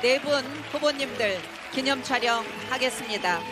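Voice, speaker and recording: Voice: high-pitched, moderate pace, crowd noise. An event host making formal, polite and ceremonious announcements from a convention stage. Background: loud music.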